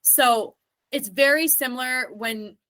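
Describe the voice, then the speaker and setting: The guest in this relaxed interview is a singer and actor whose high voice sounds pushed and bright as she takes her time. She thinks aloud thoughtfully, wandering off on tangents and using "like" a lot.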